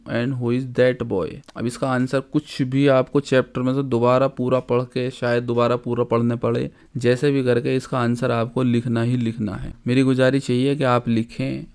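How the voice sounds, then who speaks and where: A man teaching a grammar lesson, reading examples slowly and deliberately and explaining each one. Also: mid-range voice, darkish tone, clear, resonant tone. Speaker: Arabic teacher.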